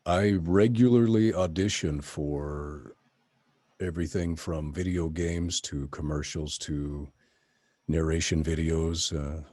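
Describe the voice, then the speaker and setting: Deep husky middle-aged man, relaxed. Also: slow, dry recording. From Tucson, Arizona area. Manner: relaxed, hesitant, many fillers and restarts. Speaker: voice actor guest. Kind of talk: casual interview chat.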